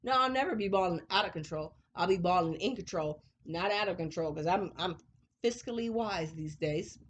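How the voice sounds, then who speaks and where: A woman's voice: fairly low pitch, animated, moderate pace, slight background noise. A woman in her thirties hosting a personal vlog, telling her story frankly with frequent laughter and talk of faith. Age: 30s. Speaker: vlog host.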